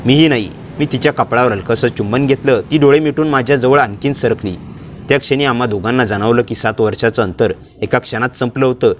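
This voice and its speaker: A man narrating a dramatic first-person story in a steady, scripted storytelling voice. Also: mid-range voice, fairly quick, slight background noise.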